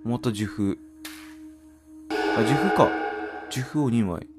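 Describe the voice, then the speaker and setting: A man's voice: mid-range voice, slow pace. A man doing casual game commentary, reacting aloud and putting questions to viewers about what is on screen. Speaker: gamer playing and commentating. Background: game music.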